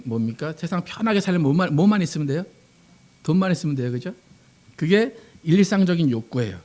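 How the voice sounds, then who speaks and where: A man delivers a Sunday sermon as the pastor. His voice sits a little high, and he talks in a relaxed, conversational way. He keeps turning to the congregation with rhetorical questions.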